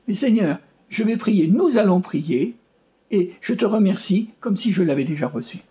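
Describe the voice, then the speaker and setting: Mellow-voiced emphatic preacher. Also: lively intonation, normal speed. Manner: emphatic, rhetorical questions, sweeping pitch rises; repeats phrases in lists for emphasis. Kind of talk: sermon.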